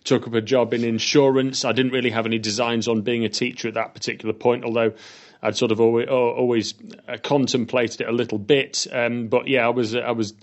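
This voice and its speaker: A man's voice: mid-range voice, little pitch movement, brisk, highs cut off. A man, a head teacher being interviewed, talking with many ums and restarts. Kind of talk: casual interview.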